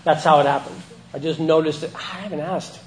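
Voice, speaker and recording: High-voiced man speaking through missing front teeth. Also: fairly even intonation, slight background noise. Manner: halting, plain-spoken, self-deprecating, sweary. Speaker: recovery meeting speaker. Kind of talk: informal personal testimony to a recovery group.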